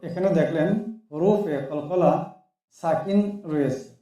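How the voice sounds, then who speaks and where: A man teaching Quran reading, calmly explaining the letters and repeating each syllable slowly for practice. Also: on the high side, very echoey, recorded from a distance. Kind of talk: slow step-by-step lesson.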